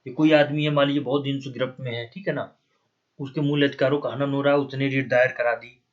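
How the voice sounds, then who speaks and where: Male coaching teacher with a Hindi accent, mid pitch, spells out terms, muffled lo-fi sound. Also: fairly even intonation, fast talker. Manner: spells out terms letter by letter, repeats "ठीक है ना". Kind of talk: classroom lecture, writing on a board. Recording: dull, lo-fi recording.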